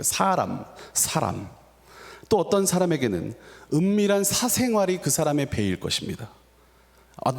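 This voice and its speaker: A male pastor preaching in a sanctuary, his voice leaping up and down with expressive intonation. A long hall reverb trails behind every phrase. The delivery is animated and earnest. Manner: animated preaching with dramatic pitch swings. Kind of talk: sermon. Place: church sanctuary.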